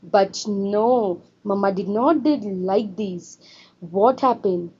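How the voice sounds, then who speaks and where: A woman's voice: medium pitch, slow pace, dark tone, dull audio, a little hiss or hum. A woman teacher, explaining a story to her students and asking them questions. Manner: repetitive, asks students questions. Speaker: English teacher. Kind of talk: classroom lesson explaining a story.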